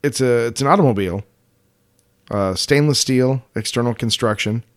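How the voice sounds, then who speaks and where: A man's voice: mid-range voice, moderate pace. A man co-hosting a podcast in casual comedic chat, joking and laughing often, with frequent restarts. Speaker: podcast co-host.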